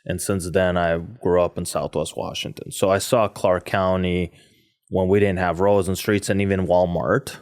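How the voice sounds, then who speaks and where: A man in his forties, originally from Russia, telling his story as a podcast guest in a lively, chatty way and laughing often. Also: low voice, normal speed, smooth, dry recording, clean studio sound. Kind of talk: casual interview chat.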